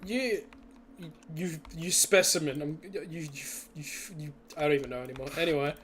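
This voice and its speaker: A man's voice: fairly high pitch, brisk, noisy background. Young man chatting over keyboard clicks. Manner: laughing, rambling with restarts. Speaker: game developer streaming level creation. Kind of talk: casual live-stream chat.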